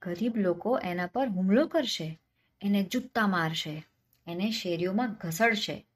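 A woman's voice: mid-range voice, a little slow, close to an everyday voice. A woman voicing a clever, penniless young man in a folk tale, cheeky and self-assured, answering questions with questions. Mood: sly.

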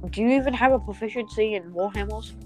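A woman's voice: medium pitch, fast talker, warm tone, faint music behind. A woman narrating as dungeon master, often stopping and restarting her lines. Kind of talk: narrating a tabletop game.

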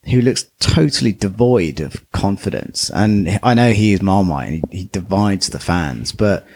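A man's voice: sits low, lively intonation, normal speed, a little mellow, slightly rough. A man co-hosting a podcast, chatting casually about football with lots of fillers. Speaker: podcast co-host.

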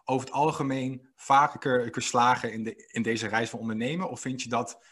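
A man hosting a podcast, telling stories in a lively, playful way and laughing often. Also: medium pitch, fairly quick. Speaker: podcast host. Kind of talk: casual podcast conversation.

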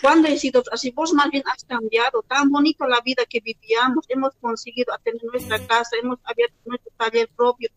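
A woman's voice: high voice, fairly even intonation, fairly quick, few pauses, poor audio. A woman playing a wronged wife in a comedy radio sketch, reproachful and repeating herself. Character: wronged wife, hurt and pleading.

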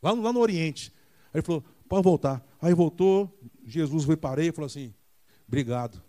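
A Brazilian man preaching a Sunday sermon in a church, retelling a Bible story and acting out the voices of the people in it with big jumps in pitch. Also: lively intonation, quick pace, mellow. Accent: Brazilian Portuguese. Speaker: pastor.

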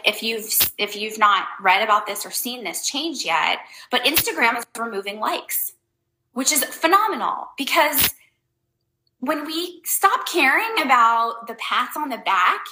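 Bright-voiced woman rambling casual advice. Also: fairly high pitch, roomy sound, a little hiss or hum, low-quality recording. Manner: loose, rambling, heavy on fillers like "um" and "like". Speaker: host giving life advice. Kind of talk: casual advice talk to viewers.

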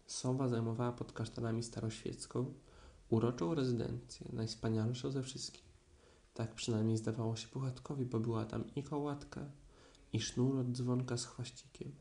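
Man, storybook narrator, calm, measured, gravelly, mellow. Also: mid-range voice. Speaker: audiobook narrator.

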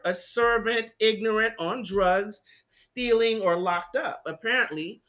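A woman speaks with a bright, clear voice in an easygoing discussion. She works through her thoughts earnestly, restarting phrases and trailing into fillers as she goes. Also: medium pitch. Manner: earnest, rambling with many restarts. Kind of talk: casual discussion.

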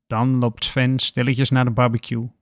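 A man narrating a scripted story in a calm, even storytelling manner. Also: medium pitch, normal speed, no echo, clean studio sound.

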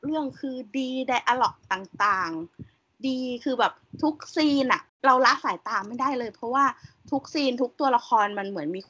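A woman's voice: a little high, expressive, moderate pace, sharp tone, breathy edge. A woman co-hosting a podcast, chatting casually and recommending a film with enthusiasm. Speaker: podcast co-host. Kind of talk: casual chat. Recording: dull lo-fi sound.

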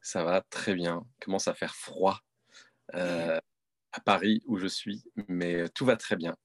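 A man's voice: low voice, steady tone, unhurried, dry recording. A man answering interview questions as a guest, thinking aloud with many hesitations. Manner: hesitant, many fillers and restarts. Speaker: podcast guest, entrepreneur and mentor. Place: home in Paris.

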